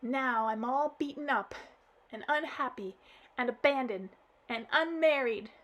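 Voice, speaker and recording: A woman reading a storybook aloud voices a heartbroken little girl who wails and sobs through her tale in a high, bright voice. The pace is unhurried, and her sobbing delivery swoops up dramatically with every new grievance.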